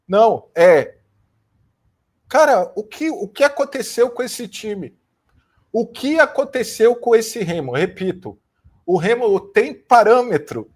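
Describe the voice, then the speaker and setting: A Brazilian channel host and football commentator rants after a match, his high voice slightly mellow. He drives each point home bluntly, repeating himself and dropping mild swears, speaking from a home room with a fan on while a new studio gets set up.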